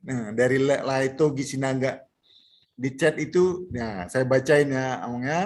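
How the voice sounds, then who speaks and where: A man moderating a worship session, casually reading out a viewer's question in a soft voice. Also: medium pitch, measured pace.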